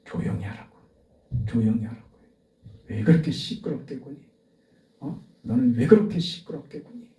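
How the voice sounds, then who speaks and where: A man's voice: mid-range voice, big pitch swings, normal speed, pauses often, warm tone, pitched below the performer's own voice, natural voice. A male pastor voicing a contemptuous man from the crowd who scolds with taunting questions. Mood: scornful. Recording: echoey church from a distance.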